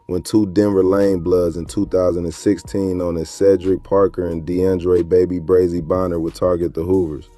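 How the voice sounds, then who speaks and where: A man reading scripted true-crime documentary narration in a measured, matter-of-fact manner. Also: low-pitched, dark tone, no echo. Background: music bed.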